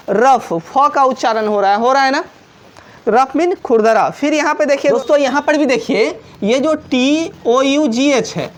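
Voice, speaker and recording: High-voiced woman teaching pronunciation. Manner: repetitive, asks and answers her own questions, spells words letter by letter. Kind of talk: classroom-style lesson.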